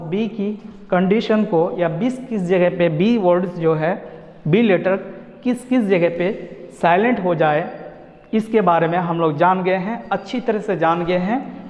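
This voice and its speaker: A man with a high voice gives an online pronunciation lesson, going over each rule slowly and repeating it. The sound is dull and lo-fi. It rings with a long echo, as if he is in a big bare room. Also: a little mellow. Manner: slow and repetitive, explaining step by step. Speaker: English teacher.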